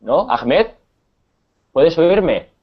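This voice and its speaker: A man's voice: on the high side, very animated, extremely slow, breathy edge, muffled recording. A man from Spain with a Spanish accent, teaching an online Spanish class and explaining things patiently with many hesitations.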